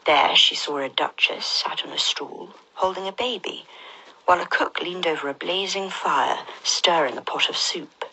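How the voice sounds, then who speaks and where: A woman telling a storybook tale in a soft, half-whispered and gentle narration. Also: fairly low pitch, normal speed, rough recording.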